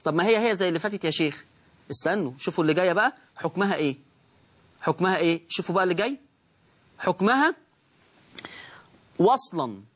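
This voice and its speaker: A man's voice: high voice, lively intonation, fairly bright tone. Egyptian male tajweed teacher who stretches out recited words and quizzes students, then answers for them. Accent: Egyptian Arabic. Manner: explains slowly, drawing out the recited words; asks the class questions and answers them himself. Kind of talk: tajweed lesson.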